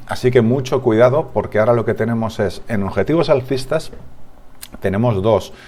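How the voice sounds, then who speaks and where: A man's voice: mid-range voice, normal speed, darkish tone. A man with a Spanish accent from Spain, giving a market analysis over charts as a trading analyst, thinking aloud with frequent restarts and tag questions.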